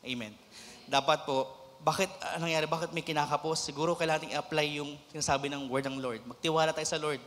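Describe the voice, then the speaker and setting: A man's voice: fairly high pitch, steady tone, quick pace, fairly bright tone. A young man preaching a sermon in a church, switching between Tagalog and English and prompting the congregation for amens. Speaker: lay preacher. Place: church sanctuary. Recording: long hall reverb.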